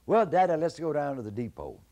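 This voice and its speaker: A man's voice: very animated, brisk. A man voicing Jack, a clever young trickster boy, in a told folktale. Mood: cocky, hollering. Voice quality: high, shouting, boastful drawl.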